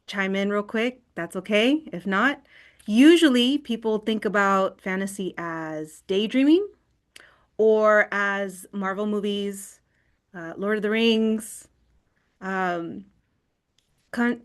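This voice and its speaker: A woman's voice: mid-range voice, slow, pauses often. Woman presenting in a screen-recorded video call. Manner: conversational, often checks in with "right?". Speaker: wellness workshop presenter. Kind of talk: online workshop talk.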